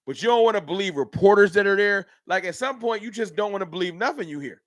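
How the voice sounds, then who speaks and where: This sports livestream host from Dallas, Texas talks fast in a high-pitched voice, ranting and arguing heatedly with his chat in an animated way. The recording is clean studio sound with no room noise.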